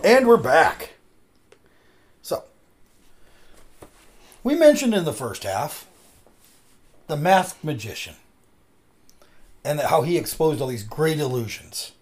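A man's voice: fairly high pitch, takes it slowly, long pauses. A man hosting a podcast, talking casually with a rambling, filler-filled delivery. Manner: rambling, filler-heavy, animated. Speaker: podcast host. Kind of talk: casual chat.

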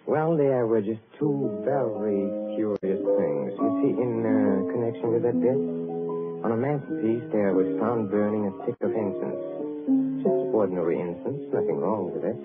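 Low-voiced menacing count, played by a man, silky 1940s radio villain, thin tinny broadcast sound. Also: normal speed, loud music behind the voice, close to an everyday voice. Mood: ominous. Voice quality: deep and theatrical, with sly chuckles. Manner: suave storytelling turning darkly ominous. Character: sinister aristocratic count, old accursed family, menacing host. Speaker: count, lord of a chateau.

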